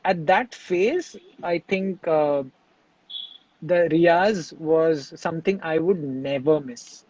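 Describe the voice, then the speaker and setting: A man talks over his singing practice in a relaxed interview. He speaks in a reflective, halting way, restarting his sentences. The sound is dry and a little dull. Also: fairly high pitch, no room sound. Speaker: singer and composer, interview guest.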